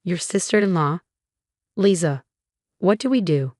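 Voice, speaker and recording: A woman's voice: lowish voice, unhurried, a little mellow, no echo, studio quality. A woman voicing a panicked male business partner with a trembling voice, in a storybook narration. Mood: frantic.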